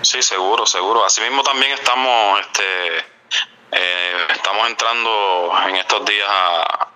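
Male worship musician, very low pitch, crisp and resonant, devout and unhurried answers. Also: sharp tone, poor audio. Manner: devout, answers with amens and filler words. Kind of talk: interview answers.

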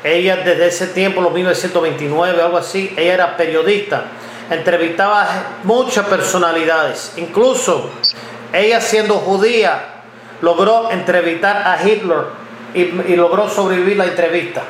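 Male interviewer, 50s, high register, halting delivery, echoey noisy recording. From United States (Ohio). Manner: halting, repeats words often while telling a story. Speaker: interviewer, blogger and journalist. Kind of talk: conversational interview. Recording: echoey room with background noise.

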